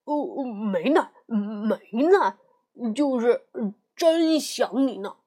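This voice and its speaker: A woman's voice: on the high side, animated, extremely slow, warm tone, exaggerated voice. A woman storyteller voicing a cowardly, greedy male pig monk who hems, fawns and pleads. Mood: pleading. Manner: hemming, fawning, pleading. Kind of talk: storybook character voice.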